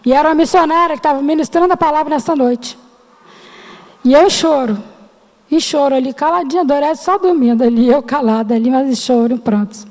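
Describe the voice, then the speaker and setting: A woman's voice: sits high, fairly quick, a little mellow. A middle-aged woman giving an emotional personal testimony to her church congregation, often turning to address them as brothers and sisters. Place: church hall. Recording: long hall reverb.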